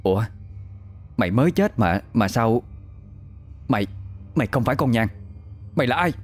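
A man voicing a hot-tempered older mother in a ghost story, scolding and shouting. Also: medium pitch, animated, fast, faint music behind, voice pushed up, close to an everyday voice. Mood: suspicious.

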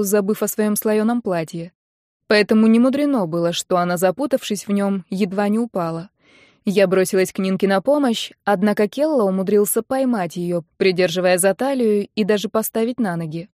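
A woman's voice: medium pitch, no echo. Woman narrating an audiobook. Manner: lively storytelling. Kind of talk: scripted first-person narration. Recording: dry close-miked audiobook.

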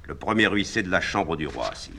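A man's voice: deep voice, lively intonation, fairly quick, creaky, sharp tone, a little hiss or hum, voice pushed up, full character voice. A man voicing a formal, deferential palace usher, read from a stage play.

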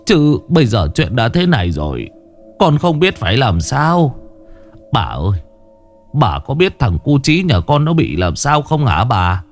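A man's voice: medium pitch, sing-song, unhurried, soft background music, voice pushed up. A man voicing a humble middle-aged father who pleads deferentially. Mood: pleading.

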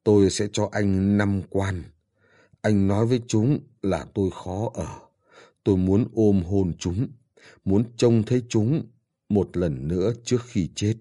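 A man's voice: lowish voice, measured pace, dark tone. A man reading an audiobook and voicing a frail dying old father in pain, who speaks in a weak, pleading way and pines for his daughters.

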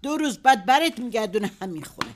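Woman doing a high fussy old mum in a radio play, scolds and wails nonstop. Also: animated, slight background noise, natural voice. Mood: scolding. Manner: scolding, wailing complaints. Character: nagging old widowed mother of seven daughters.

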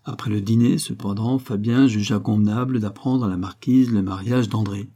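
A man reading a novel aloud as an audiobook in measured narration. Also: fairly low pitch, steady tone, dark tone. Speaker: audiobook reader.

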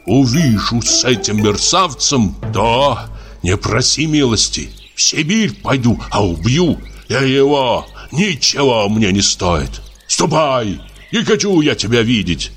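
A man voicing a drunk, jealous husband who shouts, scolds and rants at his wife in an audiobook. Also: mid-range voice, very animated, takes it slowly, soft background music, exaggerated voice. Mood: furious. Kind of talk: audiobook character voice.

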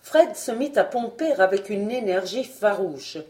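A woman reading an audiobook aloud as scripted narration, measured and expressive. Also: mid-range voice. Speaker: audiobook reader.

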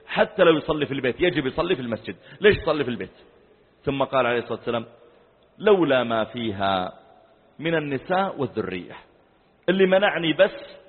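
Saudi gulf preacher guy, talks fast and husky, tinny phone-like sound. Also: medium pitch. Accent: Saudi Gulf Arabic. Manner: emphatic, acts out dialogue with a student. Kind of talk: sermon with storytelling. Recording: phone-like lo-fi audio with long hall reverb.

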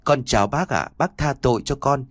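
A man's voice: medium pitch, brisk, dry recording, clean studio sound, lightly acted. Man voicing a timid ragged youth, shaky and deferential, audiobook. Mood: pleading. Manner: trembling, pleading. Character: poor frightened young man pleading.

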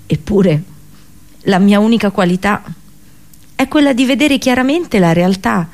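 In an Italian radio drama style, a woman performs an intense theatrical monologue as an anguished princess seer whom no one heeds, speaking in deliberate, broken phrases. Her voice is lowish and a little mellow, with music behind her.

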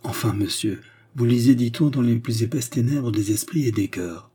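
A man reading an audiobook, voicing a scheming noblewoman who is frightened yet defiant, with a raised, pleading pitch. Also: moderate pace, warm tone, breathy edge, close to an everyday voice. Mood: anxious.

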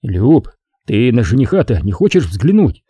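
A man's voice: medium pitch, very animated, moderate pace, warm tone, slightly rough, dry recording. A man reading an audiobook, voicing a tender, teasing grown man who talks in fatherly banter.

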